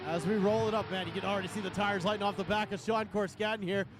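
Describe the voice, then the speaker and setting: A man doing excited, hyped live play-by-play as one of two dueling motorsport announcers. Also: sits high, fast talker, heavy background noise. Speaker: drift competition announcer. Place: outdoor race track event.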